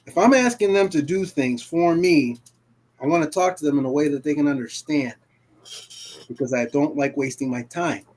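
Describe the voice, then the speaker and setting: A man whose first language is Creole, telling a personal story in casual live talk-show chat, animated and emphatic, often repeating himself. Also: a little high, moderate pace, slight background noise. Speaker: co-host.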